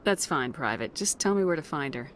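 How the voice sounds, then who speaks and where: Curt, dry commanding officer, lower-pitched, for a game. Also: female voice, expressive, brisk, fairly bright tone, a little hiss or hum. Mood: stern. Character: tough female commanding officer.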